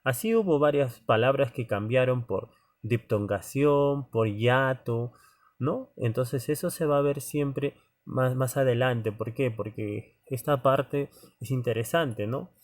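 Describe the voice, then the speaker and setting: A man teaching an informal class. He speaks at a medium pitch in a loose, conversational way. He keeps checking in with his listeners and talks to them directly. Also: takes it slowly. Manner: conversational, many "¿no?" tags and fillers; addresses students directly as "joven". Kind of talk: informal lecture to students.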